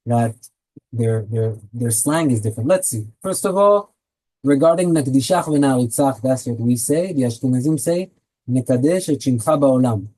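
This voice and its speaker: A man with an Israeli accent teaching a casual weekly Torah class, lively and joking with his students. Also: mid-range voice, moderate pace, rough recording.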